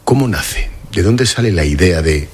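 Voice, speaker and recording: Very deep-voiced husky male interviewer. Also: lively intonation, moderate pace, darkish tone. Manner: direct, probing questions. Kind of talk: broadcast interview.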